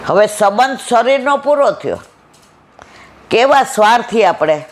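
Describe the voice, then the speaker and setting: A woman's voice: fairly high pitch, unhurried, slight background noise. A woman giving a devotional satsang sermon, telling stories with rhetorical questions and acted-out dialogue. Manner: animated storytelling, rhetorical questions, acts out dialogue. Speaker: satsang speaker.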